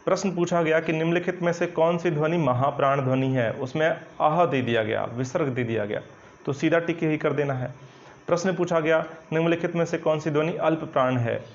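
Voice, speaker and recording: A man's voice: on the high side, a little fast, creaky. Male Hindi teacher, dull lo-fi sound. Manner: explanatory, repeats "ठीक है ना" often, hesitant fillers. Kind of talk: online coaching lesson at a whiteboard. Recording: dull lo-fi recording.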